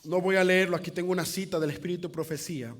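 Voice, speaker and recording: A man's voice: high-pitched, fairly even intonation, very fast. A man preaching an evangelistic sermon as pastor, dramatic, asking the congregation questions. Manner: dramatic, asks the congregation questions and acts out quotes. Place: church.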